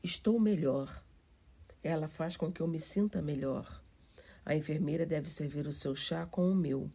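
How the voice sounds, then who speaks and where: A woman's voice: low-pitched, a little slow, dark tone, husky, full character voice. A woman voicing a sickly, imperious young boy who gives orders in a storybook reading. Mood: commanding. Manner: bossy, insistent.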